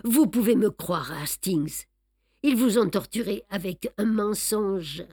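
In a dry, studio-quality recording, a woman with a mid-range, slow, breathy-edged voice reads an audiobook. She voices a fussy, self-satisfied older male detective who boasts of his clever plans, explaining with lively emphasis in a reassuring mood.

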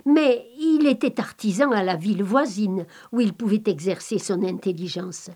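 A woman reading a folk tale aloud in a calm, measured, expressive storybook manner. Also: medium pitch. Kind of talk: slow storybook narration.

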